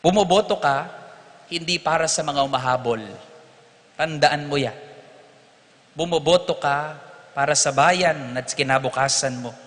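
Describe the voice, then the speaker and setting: High bright-voiced priest preaching. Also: male voice, a little slow, long pauses. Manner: animated storytelling, mixing in English lines. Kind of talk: sermon at live Mass. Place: large church. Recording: echoey church hall.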